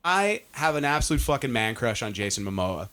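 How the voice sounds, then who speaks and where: A man in his late thirties co-hosting a podcast, chatting casually, swearing and acting out stories with shouts. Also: medium pitch, fairly quick. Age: late 30s. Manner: excitable, swearing, acts out anecdotes with shouts. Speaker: podcast co-host.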